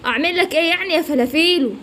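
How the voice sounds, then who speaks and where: A woman's voice: very high voice, very fast, a bit bright. A woman with an Egyptian accent voicing a cheeky, teasing parrot in a children's story. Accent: Egyptian Arabic. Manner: teasing, chatty.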